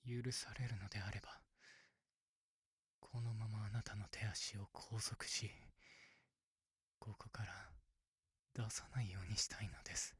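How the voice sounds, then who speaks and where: A man playing a polite, obsessive elf priest in an ASMR role-play, speaking in a measured, gently menacing way. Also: on the low side, steady tone, breathy edge, no room sound, studio quality, heavily acted. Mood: possessive, menacing.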